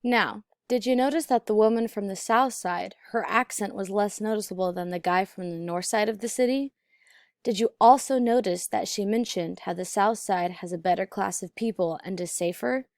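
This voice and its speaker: A woman narrating an instructional lesson as an accent teacher, enunciating deliberately. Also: mid-range voice, darkish tone, no room sound, studio quality.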